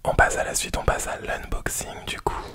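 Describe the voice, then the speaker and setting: Male, hushed night-time whisper, ASMR unboxing presenter, informal, hesitant, unhurried. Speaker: ASMR YouTuber, product presenter.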